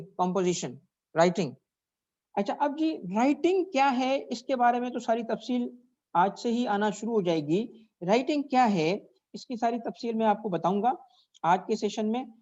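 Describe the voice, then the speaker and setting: A man's voice: high voice, a little mellow. Man lecturing students, dull recording. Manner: keeps checking in with students and asks them questions. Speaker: teacher. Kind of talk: classroom lecture.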